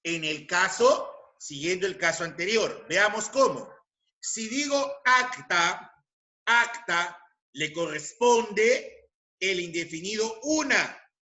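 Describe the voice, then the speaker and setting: Slow, bright-voiced male grammar teacher. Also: high voice, expressive. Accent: Peruvian Spanish. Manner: slow, deliberate, repeats key terms and checks understanding. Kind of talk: grammar lecture.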